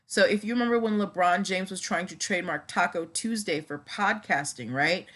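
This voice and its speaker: A woman hosting a casual livestream, chatting directly to viewers in a subdued manner, a little slowed after surgery. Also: fairly low pitch, fairly bright tone. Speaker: livestream host discussing trademarks.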